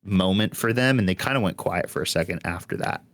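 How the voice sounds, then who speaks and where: Deep-voiced young man, rambling podcast chat. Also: brisk, fairly bright tone, no room sound, clean studio sound. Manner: rambling, heavy use of "like", frequent laughs. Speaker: podcast co-host. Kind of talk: casual music podcast chat.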